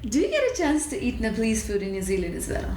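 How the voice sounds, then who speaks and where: A woman's voice: a little high, very animated, fast talker, darkish tone, roomy sound, slight background noise. A woman hosting a show, asking an interview guest questions in an upbeat way, with some hesitations. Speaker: show host. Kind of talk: hosted interview.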